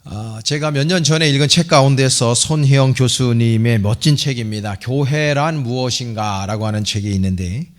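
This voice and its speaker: A middle-aged man preaching a sermon as a church pastor. He opens with a few dry jokes and later reads a quoted passage slowly and solemnly. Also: medium pitch. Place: church sanctuary.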